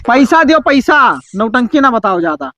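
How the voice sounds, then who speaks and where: Male actor as argumentative rural moneylender, very high voice, Awadhi accent, comedy sketch, noisy recording. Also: very animated, moderate pace, bright, forceful tone, heavily acted. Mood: demanding, nagging. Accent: Awadhi, eastern Uttar Pradesh. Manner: nagging, argumentative. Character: insistent village moneylender demanding his money back. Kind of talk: village comedy sketch acting.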